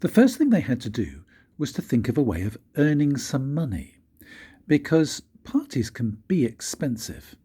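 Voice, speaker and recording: With dramatic, expressive pauses, an older man who is a grandfather narrates a children's story aloud. His voice is husky and breathy at a medium pitch.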